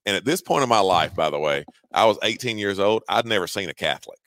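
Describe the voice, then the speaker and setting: Low-voiced Southern man in his forties. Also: quick pace, no echo. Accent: Southern US, Georgia. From Georgia, US. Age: 40s. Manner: animated, folksy storyteller who laughs at his own story. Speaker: co-host. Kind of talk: casual storytelling on a sports talk show.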